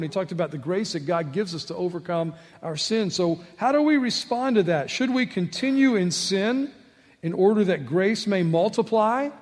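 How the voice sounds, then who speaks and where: A man preaching a sermon as pastor, emphatic, swinging between loud rhetorical questions and quiet asides. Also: sits high, big-room sound.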